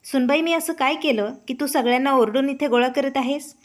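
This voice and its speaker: Woman reading as an elderly mother, soft-spoken, heartbroken, high voice, storybook. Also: brisk, natural voice. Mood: pleading. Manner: soft, gentle speech.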